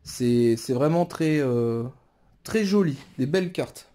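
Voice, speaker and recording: Going through a tarot deck one card at a time, this man gives a casual show-and-tell, thinking aloud with plenty of fillers and restarts. His fairly high voice is animated yet dark in tone, and he takes it slowly.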